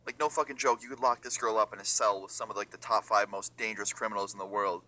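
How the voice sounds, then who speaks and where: A young man tears through his storytime at a fast clip. His voice is bright and forceful, full of swearing, and he acts out everyone in the story. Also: on the low side. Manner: profane, excitable, mimics other people. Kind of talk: storytime rant.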